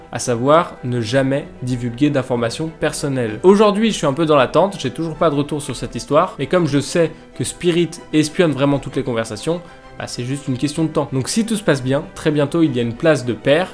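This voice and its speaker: A young French YouTuber narrates a story for a vlog in a slightly high voice. He's casual and chatty, speaking directly to his viewers, with faint music playing behind him.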